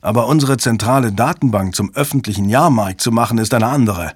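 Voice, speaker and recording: A man voicing a large, excitable male systems chief who talks bluntly and crudely and shouts when panicked. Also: medium pitch, brisk, slightly rough, no echo, clean studio sound, natural voice. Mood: agreeing.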